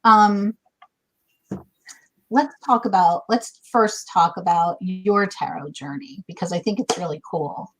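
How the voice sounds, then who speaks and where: A woman's voice: lowish voice, a little slow, a little hiss or hum, low-quality recording. Gushy chatty woman in her 50s hosting a live video chat, lots of ums. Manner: bubbly, effusive, chatty with fillers. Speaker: host. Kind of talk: casual livestream chat.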